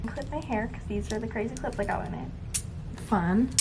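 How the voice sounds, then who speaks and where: A young woman in her twenties chatting casually and quietly while getting ready in her bathroom, filmed on a camera. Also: fairly high pitch, animated, moderate pace, gravelly, background noise. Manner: chatty, giggly, talking quietly. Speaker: vlogger. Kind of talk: casual get-ready-with-me vlog. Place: home bathroom at the mirror. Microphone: camera on a tripod. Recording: background music over the voice. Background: pop music playing.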